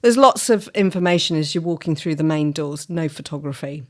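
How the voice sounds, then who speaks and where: A woman with a fairly low voice chats and tells anecdotes on a podcast. She laughs her way through her stories. She is recorded around a dining room table at home. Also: lively intonation, a little fast. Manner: chatty storyteller, laughs mid-sentence. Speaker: podcast co-host. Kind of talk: casual chat, telling anecdotes.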